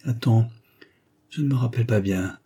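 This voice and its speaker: A man reading the part of a dying old woman who speaks in halting, breathless pleas that drop to whispers. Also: medium pitch, dark tone, breathy edge, lightly acted. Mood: pleading.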